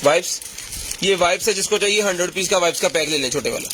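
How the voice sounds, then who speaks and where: A man giving a hard-sell live shopping pitch, insistently repeating prices and sales phrases. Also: fast, noisy background. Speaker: live-sale seller.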